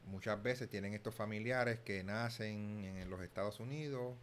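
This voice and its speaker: A man's voice: on the low side, moderate pace, slight background noise. A young Puerto Rican man with a Puerto Rican Spanish accent, talking casually as a channel host and often restarting his words. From Puerto Rico. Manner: thinking aloud, frequent restarts and repeated words. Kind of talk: casual commentary.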